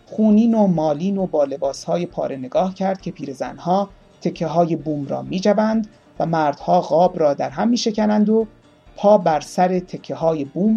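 A man reading a story aloud, slowly voicing its characters with small shifts of voice. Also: a little high, vocal fry, mellow, husky, muffled recording. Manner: reads the tale slowly, playing each speaker with small voice shifts. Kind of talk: audiobook narration.

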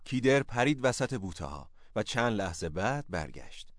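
Low-voiced male story narrator. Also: big pitch swings, no echo, studio quality. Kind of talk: scripted narration.

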